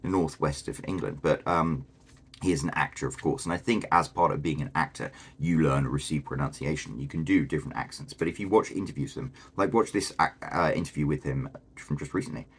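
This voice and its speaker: Brief: male video host, extremely deep and a bit husky, casual enthusiastic commentary. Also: fairly quick. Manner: chatty and enthusiastic, with many fillers.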